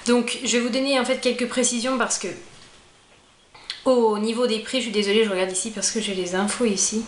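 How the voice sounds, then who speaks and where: A woman reviewing makeup in a casual, chatty way, often pausing with fillers and restarting her sentences. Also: a little high, fairly even intonation. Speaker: beauty vlogger. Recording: echoey room with faint ambient noise.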